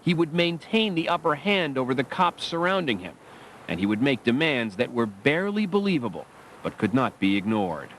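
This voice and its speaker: A man's voice: mid-range voice, sing-song, moderate pace, a bit bright, slight background noise. A man narrating a documentary from a dramatic script.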